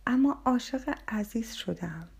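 A woman voicing a calm, quietly determined middle-aged wife who speaks softly. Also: fairly high pitch, gravelly, husky, voice pushed up, heavily acted. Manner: calm and soft.

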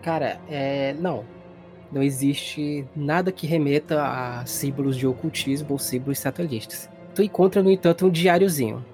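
A man with a Brazilian accent acts as game master for a tabletop horror game, narrating in a casual, conversational way. His voice is fairly high and moves at a moderate pace, with music playing behind it.

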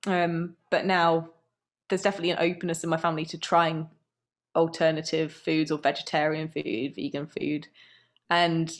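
A woman with a fairly low voice speaks as a guest on a podcast. She talks in a thoughtful, earnest way, with fillers and restarts. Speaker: guest, app founder. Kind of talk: casual conversational interview.

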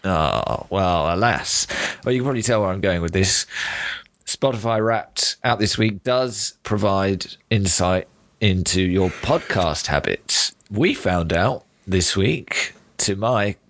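A British man with a croaky, hoarse wintry voice, chatting casually as a podcast host. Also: low-pitched, expressive, takes it slowly, a bit bright.

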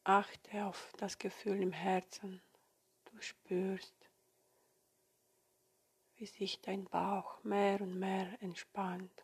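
A woman guiding a meditation in a soft, breathy spa-like half-whisper, giving gentle, soothing instructions with long pauses. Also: medium pitch, flat delivery. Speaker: meditation guide.

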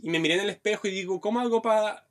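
A man's voice: sits high, rapid-fire. A man with a Chilean accent, a podcast co-host telling a crude, rambling comic story. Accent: Chilean Spanish. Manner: vulgar, rambling, animated storytelling.

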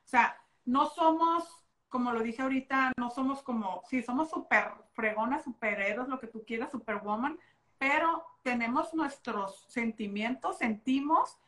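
A woman with a Mexican accent, co-hosting a casual chat about motherhood and telling stories in an animated, slangy way. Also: high voice, moderate pace. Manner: animated storytelling, slangy, expressive. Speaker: podcast co-host.

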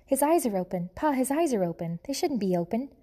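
A woman reading aloud and voicing an excited young boy mouse. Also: fairly high pitch, fairly quick.

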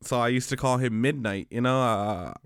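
A man's voice: medium pitch, moderate pace, creaky, smooth, dry recording. A man co-hosting a podcast, telling slangy, laid-back stories about his work as a teacher in a casual chat. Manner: laid-back, slangy storytelling with frequent restarts. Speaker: podcast co-host; special education teacher.

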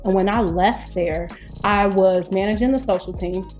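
A woman's voice: medium pitch, normal speed, darkish tone, faint music behind. A woman speaking as a podcast guest, a brand strategist explaining her work in casual, informal conversation.

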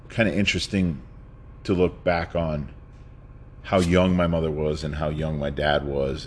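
Very deep and a little mellow, this man's voice comes with a slight hiss or hum. In his fifties and from New York, he tells his life story as a guest, casual and rambling, laughing frequently amid fillers and restarts.

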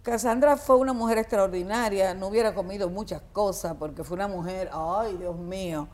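A woman's voice: medium pitch, normal speed, darkish tone. An older woman with a Dominican accent, speaking as a guest singer in an interview. She reminisces with a middle-range voice, stumbling over fillers and restarts and often breaking into laughs.

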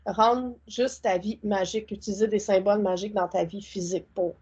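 A woman's voice: medium pitch, fairly even intonation, a little fast, darkish tone, husky, lo-fi sound. A woman with a Québécois French accent, a guest talking casually and enthusiastically about her spiritual content, often rambling. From Quebec. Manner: chatty, rambling, enthusiastic, colloquial. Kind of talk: casual interview chat.

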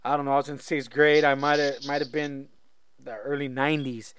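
Smooth-voiced male podcast host. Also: mid-range voice, little pitch movement, fairly quick, fairly bright tone, no echo. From Southern California. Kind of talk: casual interview podcast.

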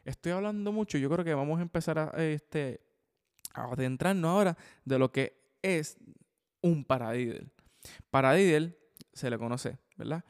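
Drum teacher a resonant voice. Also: male voice, on the high side, animated, normal speed, clean tone. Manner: explains with frequent "ok?" and "¿verdad?" checks, counts sticking aloud. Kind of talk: instructional video lesson. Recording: long hall reverb.

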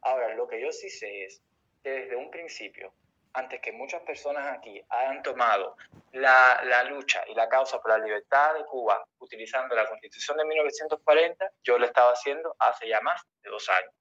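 A man's voice: mid-range voice, normal speed, sharp tone. A man organizing a summit who defends himself in a heated live discussion, insistent and repeating himself when interrupted. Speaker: summit organizer speaking on a call-in talk stream. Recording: lo-fi stream audio.

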